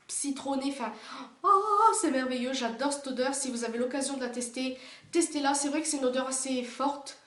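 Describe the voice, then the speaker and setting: A young woman vlogger with a cold chats casually and gushes over a collection she's showing off, using lots of fillers. Her voice is high, and she's indoors in a room by a window where the sound echoes.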